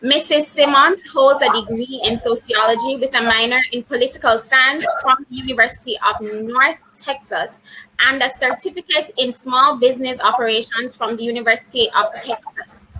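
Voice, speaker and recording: Bright high-voiced woman moderating a webinar. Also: steady tone, moderate pace, husky, low-quality recording. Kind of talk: reading a speaker introduction. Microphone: video call.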